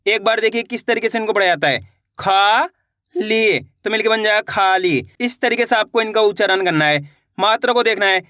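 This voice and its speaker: A man teaching children to read, sounding out syllables slowly and asking the learners questions to keep them along. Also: sharp tone, dry recording, clean studio sound. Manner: slow syllable-by-syllable reading, then repeats the word lower; encouraging, asks learners questions. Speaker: Hindi reading teacher. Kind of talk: online reading lesson.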